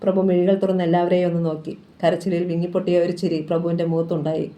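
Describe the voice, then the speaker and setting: A woman's voice: lowish voice, little pitch movement, quick pace, mellow, highs cut off. A woman reading a crime thriller novel aloud as scripted narration, with a dramatic delivery. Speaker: novel reader.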